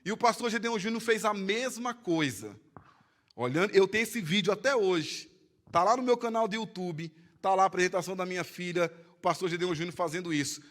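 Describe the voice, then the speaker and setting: A man with a Brazilian Portuguese accent, a pastor preaching a sermon in church, swinging between loud emphatic lines and hushed storytelling. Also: sits high, a little fast. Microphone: live-streamed church service mic.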